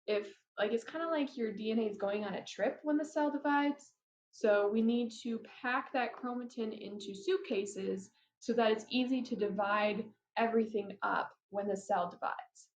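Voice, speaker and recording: A woman teacher talking casually through lecture slides, with chatty, apologetic asides and a somewhat flat, robotic-sounding delivery. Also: on the high side, moderate pace, slight background noise. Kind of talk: recorded lecture over slides. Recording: roomy, dull lo-fi mic.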